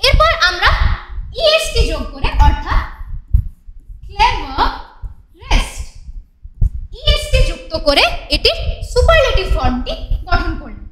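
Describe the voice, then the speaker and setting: Her voice very high-pitched, sing-song, pushed and bright, a woman patiently walks students through English grammar rules step by step and asks the class questions. English example sentences are read out slowly, and the room sounds echoey with a bit of faint noise.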